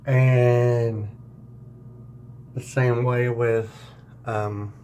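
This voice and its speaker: A man talking casually in an unscripted video diary, halting and searching for words, his speech affected by new dentures and a swollen mouth. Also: mid-range voice, little pitch movement, dark tone, a little hiss or hum. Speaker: vlogger sharing dental recovery diary.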